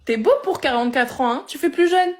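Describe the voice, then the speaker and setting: A woman's voice: high-pitched, a little fast. A woman in her thirties from France, a guest on a live stream, playful and cheeky with unfazed comebacks. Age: 30s.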